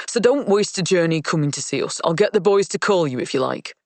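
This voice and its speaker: A man's voice: a little high, expressive, fast talker, dry recording. A male narrator voicing a tired, evasive father who talks in curt, guarded sentences, with a dry sound.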